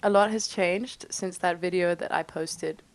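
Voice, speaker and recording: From her bedroom in the UK, a young woman in her twenties vlogs to camera with bubbly enthusiasm and frequent laughter, her English accent lightly tinged with Dutch. Her voice is fairly low, with fairly even intonation and a measured pace. It's a low-quality recording.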